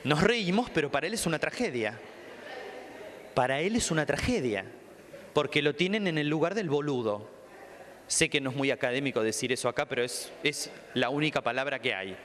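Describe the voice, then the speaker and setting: Animated Rioplatense man lecturing in a hall. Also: on the high side, brisk. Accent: Rioplatense Spanish. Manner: animated storyteller acting out dialogue. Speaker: psychologist giving a training talk. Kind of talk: lecture with anecdotes.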